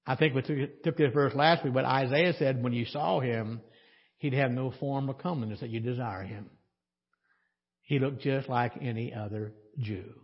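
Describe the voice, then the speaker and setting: A man's voice: mid-range voice, normal speed, husky. A male pastor preaching a sermon in a conversational way, asking the congregation questions and adding dry sarcasm. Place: church sanctuary. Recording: dull audio with long church reverb.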